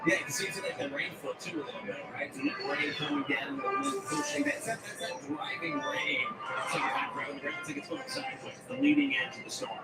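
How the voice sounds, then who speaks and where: Male TV forecaster, casual commentary, hugely varied pitch, echoey and distant with loud music. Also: big pitch swings, fast talker, hardly any pauses. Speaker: TV weather presenter. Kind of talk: casual live weather commentary.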